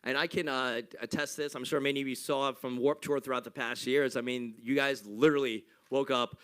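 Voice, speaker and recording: Hyped, bright-voiced male radio host. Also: medium pitch, fairly even intonation, a little fast, clear, resonant tone. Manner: hyped, loud and playful. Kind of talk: casual interview chat.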